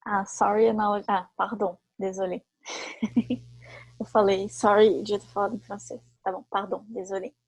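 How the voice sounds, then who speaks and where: Woman, French teacher, husky voice, dry close sound. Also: mid-range voice, flat delivery, moderate pace, no echo. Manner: explains in Portuguese with French examples, corrects herself. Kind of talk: online language lesson.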